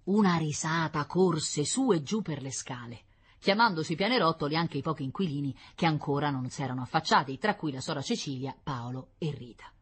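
A woman narrating a story aloud in a lively, animated storytelling manner. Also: sits low, breathy edge. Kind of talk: expressive storybook reading.

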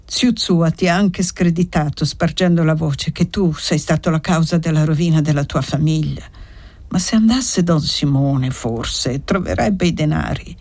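A woman's voice: sits low, measured pace, a little mellow. A woman voicing an anxious, devoted young woman in an audiobook, reading plaintively and with agitation. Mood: timid.

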